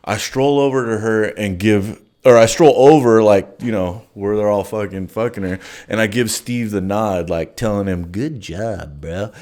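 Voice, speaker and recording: A man's voice: on the low side, moderate pace, hardly any pauses, darkish tone. A man telling a story in a casual monologue, crude and profane, rambling with lots of fillers.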